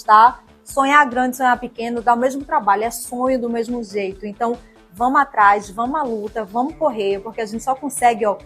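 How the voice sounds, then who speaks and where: A woman with a Pernambuco accent answers interview questions in her forties, talking fast and expressively and tagging her sentences with little checks for agreement. Her voice sits a bit high and has a husky edge, with faint music behind her. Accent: Pernambuco Portuguese. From Pernambuco, Brazil. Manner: warm, expressive, chatty with frequent tag questions. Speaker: TV presenter and interview guest.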